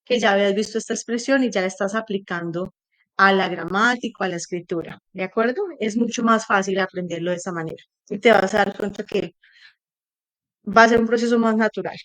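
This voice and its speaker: A young adult woman, an English teacher, giving animated, chatty advice with plenty of examples in an online class over a computer mic. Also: medium pitch, fairly quick.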